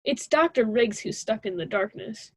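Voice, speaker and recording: A young adult woman voices a stubborn, sarcastic college student in a radio drama, sounding exasperated and dismissive in a conversational way. Her voice is expressive and on the high side, with a breathy edge, and she talks at a moderate pace.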